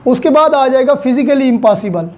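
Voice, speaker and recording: A woman with a Pakistani accent gives a didactic online law lecture, explaining with everyday examples and mixing in English technical terms. Her voice sits high and is a little mellow, and she speaks a little fast.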